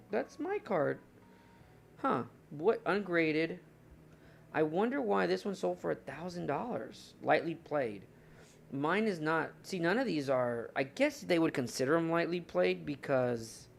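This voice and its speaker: A man's voice: on the high side, gravelly, a little hiss or hum. A young man streaming live, chatting casually and rambling to his viewers while he looks through his cards. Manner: rambling, chatty, talks to chat while browsing.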